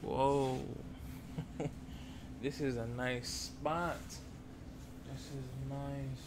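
A man's voice: medium pitch, little pitch movement, drawn-out words, background noise. A man voicing a frantic, down-on-his-luck addict who begs and rambles repetitively in an ASMR role-play. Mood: rambling.

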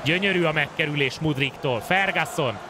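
A man giving excited sports commentary on a football video game, stretching out his calls as he follows play. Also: on the high side, background noise. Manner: excited, swinging into drawn-out shouts at chances. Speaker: gaming host and match commentator.

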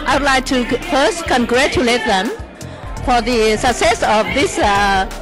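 A woman's voice: on the high side, expressive, measured pace, a crowd in the background, rough recording. A woman, an embassy deputy head, speaking in a friendly, hesitant way with many fillers into a handheld mic outdoors. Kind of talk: event interview. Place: outdoor plaza. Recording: background music.

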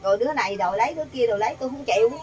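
An older woman telling a family quarrel story, animated and quoting others in quick bursts. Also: on the high side, far from the mic, rough recording. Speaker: interviewee. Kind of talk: heated storytelling.

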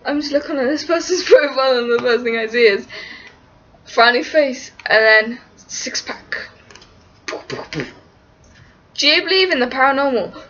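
A giggly young English vlogger with a high, pushed, bright voice and a hint of her Liverpool birthplace answers viewer questions in a casual webcam chat. She speaks a little slowly with long pauses, scatterbrained, and talks to her cat in baby talk. Sitting against a wall in a small room, with the webcam at arm's length, she comes through dull and lo-fi.

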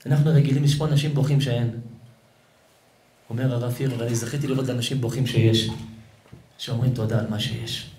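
Man, rabbi, storytelling sermon, acts out characters, mellow dark tone, roomy echo. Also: medium pitch, flat delivery, long pauses, a little hiss or hum. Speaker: rabbi giving an ethics lecture. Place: live broadcast venue abroad.

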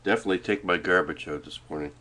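A man's voice: deep voice, rapid-fire, pushed and bright. A middle-aged man with a Canadian Maritime accent and a stuffed-up nose, rambling hesitantly in a casual webcam chat at home. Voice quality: congested, stuffed-up nasal sound. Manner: rambling, hesitant, sometimes talking while eating. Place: small indoor room at home. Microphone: webcam setup at desk distance.

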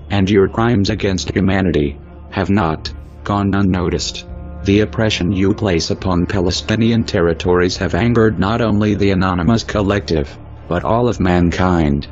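A man with a disguised, digitally deepened voice, delivering a solemn, measured statement as an anonymous spokesperson. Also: a little mellow. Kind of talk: scripted statement. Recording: muffled lo-fi audio with faint music behind.

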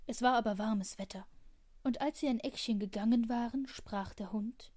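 A woman narrating a fairy tale audiobook in a calm, even storytelling manner. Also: on the high side, moderate pace, no room sound.

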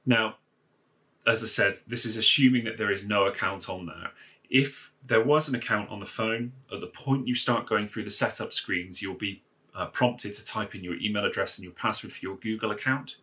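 A deep-voiced man with a bright tone presents a phone repair tutorial, giving a casual how-to walkthrough at a moderate pace. He rambles, with lots of fillers and restarts. He's indoors at a wooden desk, filming a phone from above.

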